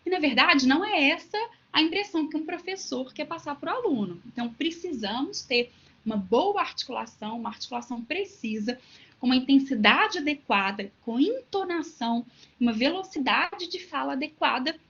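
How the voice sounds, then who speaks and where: A woman with a high, expressive, sharp-toned voice talks fairly quickly, and the recording's highs are cut off. Originally from Minas Gerais, Brazil, she gives an online lecture to teachers in that region's Brazilian Portuguese accent, explaining through everyday examples and asides.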